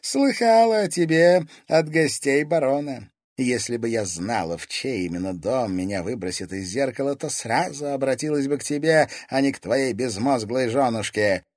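Audiobook villain: hoarse, mocking noble lady, voiced by a man. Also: mid-range voice, normal speed, darkish tone, no echo, studio quality, pitched above the performer's own voice, close to an everyday voice. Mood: menacing. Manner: mocking, menacing. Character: scheming noble countess, adult woman, mocking and vengeful. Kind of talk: audiobook character voice.

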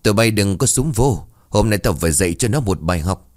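A man's voice: on the low side, expressive, a little fast, a little mellow, no echo, clean studio sound, natural voice. Man doing a cocky village bully. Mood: menacing. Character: brash young village bully, cocky and menacing.

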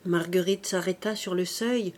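Lady reading an old novel aloud, steady clear narration. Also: fairly low pitch, normal speed. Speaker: audiobook narrator. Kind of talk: scripted narration.

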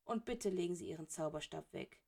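A woman's voice: low-pitched, expressive, fairly quick, creaky, dark tone, breathy edge, heavily acted. Woman doing an old male wizard, jovial, soothing, unflappable, raised voice, storybook audiobook. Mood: fatherly. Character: cheerful elderly male headmaster wizard, unflappable. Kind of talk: audiobook character reading.

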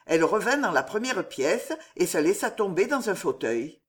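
A woman narrating a historical novel as an audiobook in an expressive, dramatic reading style. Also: on the low side, normal speed. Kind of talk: scripted narration.

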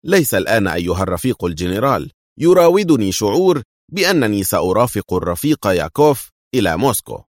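A man voicing a composed secret agent hero who speaks calmly and with dry mockery. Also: low-pitched, brisk, dry recording. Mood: calm, sardonic. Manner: calm and dryly mocking. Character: calm, sardonic male secret agent hero.

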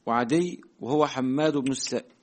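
A man's voice: medium pitch, quick pace. A man, a student in a class, reading a classical Arabic text aloud to his teacher and answering briefly. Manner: reads steadily, answers briefly.

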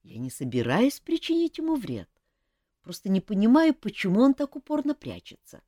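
A woman's voice: on the high side, huge pitch swings, normal speed, warm tone, dry recording, studio quality, pitched above the performer's own voice. A woman reading as a teasing young king. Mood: curious. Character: young man, a good-humoured teasing king.

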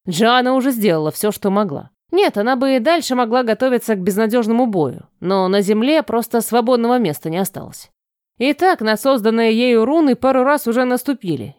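A woman narrates a fantasy audiobook in an even, measured way. Her voice sits fairly high. The recording is dry and close, with no room sound. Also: clean tone, no room sound.

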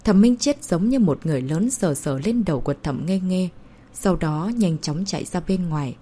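A woman narrating a novel as an audiobook in a steady storytelling manner. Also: fairly low pitch, moderate pace, slightly rough.

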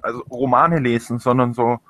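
A man's voice: mid-range voice, fairly even intonation, normal speed, a bit bright, dry recording. A man co-hosting a casual political chat show, talking with hesitant, stammering restarts. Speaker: podcast co-host.

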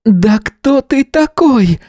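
A man voicing an eccentric, fiery woman who owns the house, speaking high, loud and indignant. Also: lively intonation, slow pace, dry recording, studio quality, exaggerated voice.

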